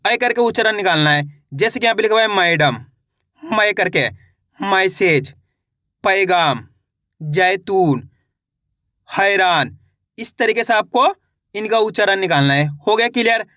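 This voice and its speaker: Bright high-voiced man teaching syllables. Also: expressive, no room sound, clean studio sound. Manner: slow syllable-by-syllable spelling, frequent rhetorical questions. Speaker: Hindi reading teacher. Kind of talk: online lesson.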